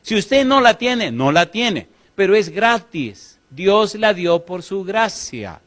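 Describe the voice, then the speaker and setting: Man preaching a sermon, fairly high voice. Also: very animated, a bit bright. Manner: preaching with call-and-response questions to the congregation; slows down to read scripture aloud. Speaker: pastor.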